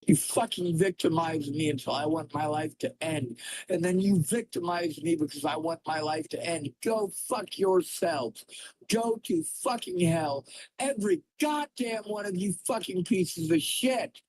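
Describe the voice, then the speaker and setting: A man's voice: on the high side, moderate pace, poor audio. A man ranting furiously at his viewers during a livestream, anguished and in emotional distress, swearing heavily. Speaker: streamer. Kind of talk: raw livestream rant.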